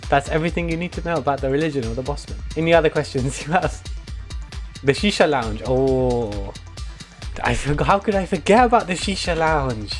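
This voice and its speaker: A man's voice: on the high side, expressive, fairly quick, faint music behind. A young British man streaming a mock lesson to his chat in a mock-serious manner, prone to chuckling.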